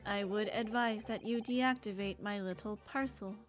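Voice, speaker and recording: A woman voicing a calm, polite clockwork gentleman villain in a put-on robot voice, speaking in a slow, formal, measured way while reading a video game aloud. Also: mid-range voice, soft background music, pitched below the performer's own voice.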